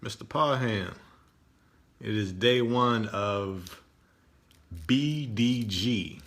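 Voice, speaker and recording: Casual low-voiced man streaming live. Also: extremely slow, fairly bright tone. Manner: conversational, often tags lines with "right?". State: morning voice.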